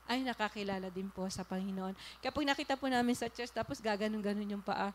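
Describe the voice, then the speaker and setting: A woman pastor from the Philippines giving an animated sermon, telling a story and putting questions to the congregation. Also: medium pitch, fast talker, a little hiss or hum. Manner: animated, rhetorical questions to the audience, polite and earnest.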